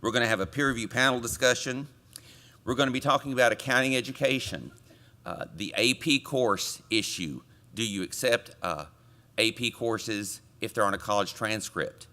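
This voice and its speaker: A man chairing a committee, delivering a conference report from a podium microphone with relaxed joking asides to the audience. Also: mid-range voice, moderate pace. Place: conference meeting room.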